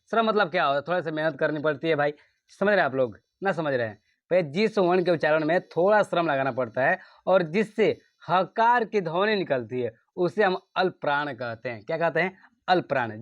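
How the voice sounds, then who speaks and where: A man's voice: a little high, lo-fi sound. A young man teaching an exam revision lesson, repeating his own questions and answering them, calling his students brother. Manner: chatty, calls students brother.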